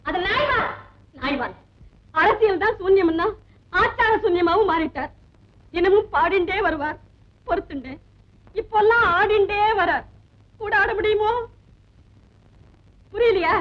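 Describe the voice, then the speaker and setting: A nagging wife, super high shrill voice, sharp tongue, muffled old movie sound. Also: female voice, lively intonation, a little slow, pauses often. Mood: complaining. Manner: sharp-tongued, nagging, swings between laughing and sobbing. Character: fed-up young wife of a turncoat husband. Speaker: exasperated wife. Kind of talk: 1970s film comedy acting. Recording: dull old film soundtrack.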